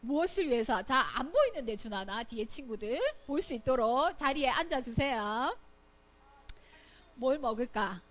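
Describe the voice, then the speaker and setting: A woman teaching children a Bible lesson in a church Sunday school room. She keeps quizzing the children and acts out her examples with sudden loud bursts. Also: high-pitched, expressive, normal speed. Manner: playful, quizzing the children with questions.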